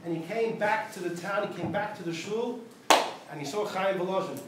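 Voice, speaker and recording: Male rabbi, animated storyteller, high voice; distant, very echoey synagogue recording with background noise. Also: normal speed. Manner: animated storyteller, acts out quotes, Yiddish words mixed in. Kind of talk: storytelling talk at a gathering. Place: synagogue hall. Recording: very echoey hall, distant mic, noisy.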